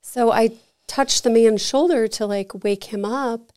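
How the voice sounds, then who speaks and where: With a fairly high pitch and a measured pace, a woman who runs an energy healing center tells animated anecdotes as a podcast guest. Her storytelling is casual and chatty, loaded with "like."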